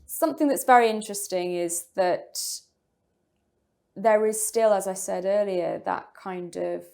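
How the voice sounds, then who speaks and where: Speaking unhurriedly in a mellow, mid-range voice with vocal fry, an English woman novelist reflects on her writing as an interview guest. She's thoughtful and from England, and her talk is full of small fillers and restarts.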